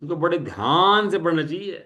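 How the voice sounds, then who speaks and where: Man teaching a class, slow and deliberate. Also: a little high, sing-song, pushed and bright, highs cut off. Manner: slow, deliberate reading of definitions, checks understanding. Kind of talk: classroom teaching with questions to students.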